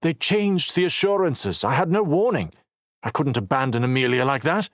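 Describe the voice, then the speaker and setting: A man's voice: mid-range voice, expressive, a little fast, dry recording, clean studio sound, voice pushed up, natural voice. A man narrating an audiobook voices an injured, determined man who talks earnestly, teases, and snaps back. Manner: earnest, teasing, snappish.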